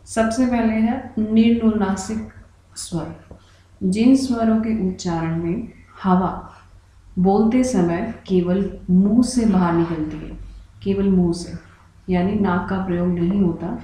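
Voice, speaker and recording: A woman's voice: mid-range voice, steady tone, slow, dark tone. A woman teaching a grammar lesson for exam preparation, explaining patiently and spelling out each example. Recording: very echoey room.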